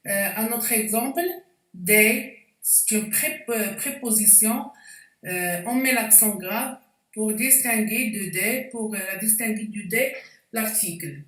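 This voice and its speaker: A woman's voice: medium pitch, fairly bright tone, reverberant, far from the mic, low-quality recording. A woman teacher giving a spelling lesson, explaining step by step with frequent hesitations. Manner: slow, deliberate explanations with hesitations.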